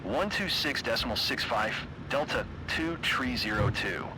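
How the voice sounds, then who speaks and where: A man speaking into a cockpit headset mic as a flight sim pilot, giving clipped, steady radio readbacks in pilot phraseology. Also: medium pitch, a little slow. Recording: aircraft engine noise behind. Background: airplane engine hum.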